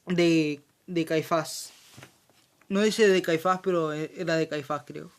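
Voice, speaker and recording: A Bible study leader, talking in an unhurried, drawn-out way. The voice is smooth and clear, broken by frequent ums, restarts and amens. It is recorded on a phone held in the hand. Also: mid-range voice, steady tone. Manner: hesitant, full of fillers and self-corrections, says amen often. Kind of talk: informal Bible explanation and reading. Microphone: handheld phone.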